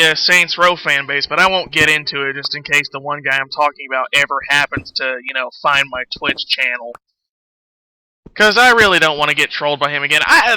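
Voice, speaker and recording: His fairly high voice sounds pushed, bright and clean, though the audio is poor. He's a game streamer hosting a livestream, chatting casually as he plays, rambling, swearing and mocking himself.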